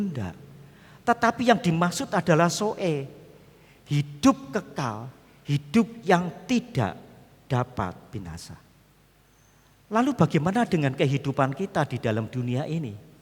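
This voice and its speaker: A male preacher gives a sermon, telling stories and often addressing the congregation directly. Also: high-pitched. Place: church hall. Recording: echoey church hall.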